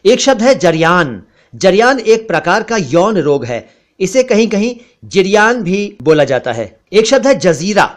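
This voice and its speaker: Guy teaching how to say words, slow and careful, voice goes up and down a lot, fairly high. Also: very animated. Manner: slow, deliberate, repeating words for clarity. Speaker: language teacher. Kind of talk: pronunciation lesson voice-over.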